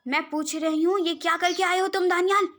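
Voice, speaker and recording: Fiery young woman, scolding, high voice; storybook reading by a woman. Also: normal speed, faint music behind, close to an everyday voice. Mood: angry. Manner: scolding, demanding answers.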